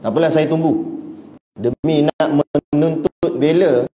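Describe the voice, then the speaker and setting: A man's voice: a little high, unhurried, warm tone, a little hiss or hum, close to an everyday voice. A man voicing a stubborn, complaining woman who insists on waiting, in a sermon story. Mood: insistent. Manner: insistent, determined. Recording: echoey hall, dull lo-fi sound.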